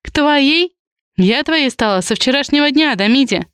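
A woman reading an audiobook, voicing a lovestruck young woman in a lighter, higher tone. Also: moderate pace, clear, resonant tone, no echo, studio quality, lightly acted. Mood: teasing. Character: young woman, teasing yet tender, lovestruck.

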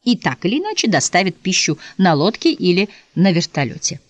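Woman narrator voicing a sensible female duck, storybook, calm and reassuring. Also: on the low side, a little fast, no room sound.

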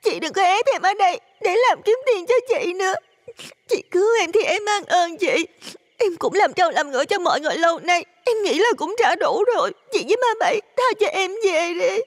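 A man's voice: extremely high pitch, expressive, fairly quick, voice pushed up. A man voicing a tearful young woman who pleads and whines, in a Southern Vietnamese accent. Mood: pleading tearful. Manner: whining, pleading.

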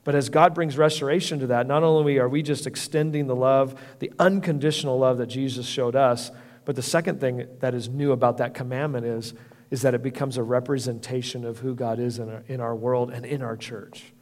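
A man's voice: mid-range voice, fairly even intonation, a little fast, darkish tone. A middle-aged man preaching a sermon as pastor, earnest and conversational, often restarting his phrases. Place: church hall. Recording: long reverb of a church hall.

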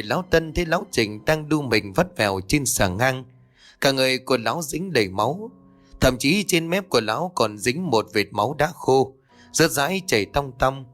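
A male storyteller reads a horror tale in a steady, suspenseful voice. His pitch is middling, and faint music plays under him. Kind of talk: scripted horror narration.

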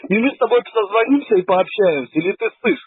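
A man's voice: sits high, lively intonation, fast talker, breathy edge, no room sound. A man arguing on a phone call with debt collectors, crude, abusive and mocking. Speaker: debtor taking collection calls. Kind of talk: phone argument. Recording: tinny phone line.

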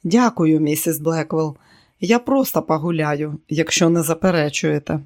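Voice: mid-range voice, normal speed, darkish tone, close to an everyday voice. A reader voicing a polite, reserved young woman guest in an audiobook, speaking courteously. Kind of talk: audiobook character reading.

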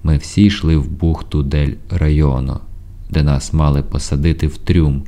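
A man reading an audiobook in first person, in a measured storytelling voice with ironic asides. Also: very deep voice, steady tone, warm tone. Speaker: audiobook narrator. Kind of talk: scripted first-person narration.

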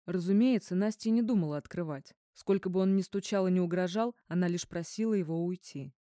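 A woman reading an audiobook in a measured, even narration. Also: lowish voice, dry recording, studio quality. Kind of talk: scripted narration.

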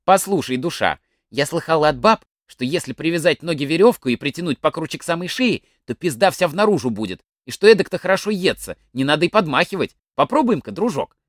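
A man voicing a sly young peasant girl in a folk tale, speaking softly and coaxingly. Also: fairly high pitch, animated, brisk, hardly any pauses, no room sound, clean studio sound, natural voice.

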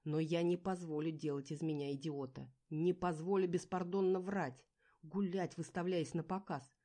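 A woman's voice: lowish voice, steady tone, moderate pace, dark tone, lightly acted. Woman reading as a sneering jealous husband. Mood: angry. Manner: scolding, sneering. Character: angry jealous husband, adult man, contemptuous.

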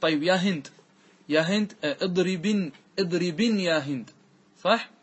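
A man teaching a grammar lesson to a class, quizzing students with quick questions and reciting verses slowly and drawn-out. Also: high-pitched, husky.

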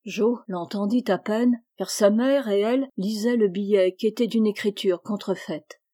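Mellow-voiced woman narrating an audiobook. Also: medium pitch. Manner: measured, expressive reading. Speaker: audiobook reader.

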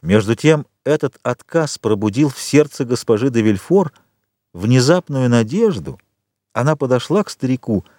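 A man narrates a classic novel with an expressive, theatrical delivery. His pitch moves with lively animation. The recording is dry and close, with no room sound. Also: moderate pace, no room sound. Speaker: audiobook narrator. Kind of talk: scripted narration.

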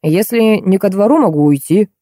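A woman's voice: mid-range voice, very animated, moderate pace, warm tone, no echo, studio quality. A woman voicing a wry, easily offended police major telling a joke. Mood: sulky.

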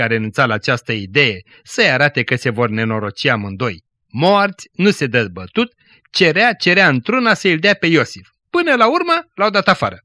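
A man's voice: mid-range voice, sharp tone, no echo, clean studio sound. A man preaching a devotional radio sermon, telling a story and exhorting his listeners in an earnest way.

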